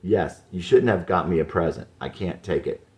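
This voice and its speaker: A man's voice: sits low, moderate pace, natural voice. A man voicing an evasive young woman who answers in short, dismissive replies. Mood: curt.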